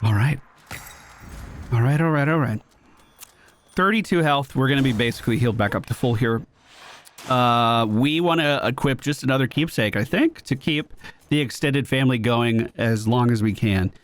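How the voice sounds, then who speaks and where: A man with a mid-range voice streams a video game, giving jokey, casual running commentary at a moderate pace and talking himself through play. Game music plays underneath, with a little hiss or hum.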